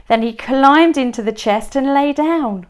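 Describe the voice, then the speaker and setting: A woman teacher reading a picture book aloud to young children, expressive and dropping to a whisper at tense moments. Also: high voice, measured pace, clean tone. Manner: expressive storybook reading, drops to a whisper for suspense.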